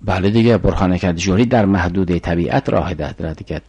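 A man's voice: low-pitched, dark tone, slightly rough, no echo, muffled recording. An older man giving a formal philosophy lecture, explaining arguments step by step and reciting Arabic syllogisms.

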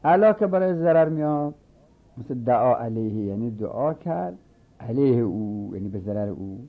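A man teaching a seminary grammar lesson. He reads a line of the text aloud, then explains it step by step and repeats his examples slowly. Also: mid-range voice, lively intonation. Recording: narrow phone-like sound.

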